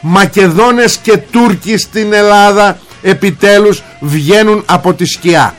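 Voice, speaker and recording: A man's voice: high-pitched, fairly bright tone, soft background music. A male talk show host giving satirical political commentary, sarcastic and blunt, with crude jabs.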